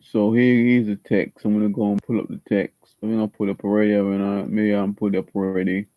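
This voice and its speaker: A fast-talking man with a lowish voice and little pitch movement livestreams from home while seated, preparing for an acting audition. With a slight Jamaican accent, he chats casually and reads instructions aloud, repeating and restarting his words often. The audio is dull, with no room sound.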